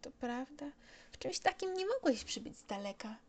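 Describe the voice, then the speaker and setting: A woman's voice: high voice, very animated, normal speed, darkish tone, voice pushed up. A woman doing a small curious boy prince. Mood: earnest, thoughtful. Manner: wondering, innocent questions.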